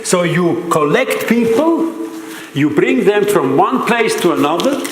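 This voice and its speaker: An older man from Switzerland, giving a conference lecture in a halting, questioning way. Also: high voice, sing-song. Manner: halting, searching for words, rhetorical questions. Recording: roomy hall reverb, faint background noise.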